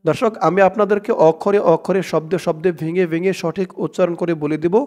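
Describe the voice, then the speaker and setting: This man's voice is high-pitched and a little mellow, with fairly even intonation. Speaking with a Bangladeshi Bengali accent, he gives a slow lesson on a prayer, spelling it letter by letter. Quick explanations punctuate his drawn-out, chanted recitation.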